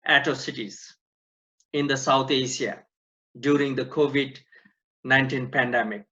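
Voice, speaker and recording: A man from Nepal, president of an organization, giving a slow, earnest prepared welcome speech to an online conference. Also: a little high, fairly bright tone. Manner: slow, deliberate, earnest delivery. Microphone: video call. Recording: dull lo-fi online conference audio.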